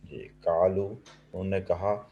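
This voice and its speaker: A man's voice: low-pitched, little pitch movement, slight background noise. A male student reading Arabic aloud in class and translating it, hesitant and sounding words out. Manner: hesitant, sounds out words, repeats after teacher. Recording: dull lo-fi audio.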